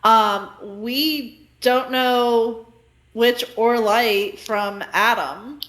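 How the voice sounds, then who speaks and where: Brief: high-voiced, unhurried woman player, echoey room. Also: fairly bright tone. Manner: deliberate, hesitant, with many ums. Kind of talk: casual in-character role-play.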